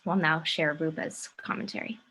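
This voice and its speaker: A woman moderator reading a formal, measured introduction of a speaker. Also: low voice, steady tone, gravelly, fairly bright tone, slightly rough, low-quality recording. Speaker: webinar moderator. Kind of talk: scripted introduction.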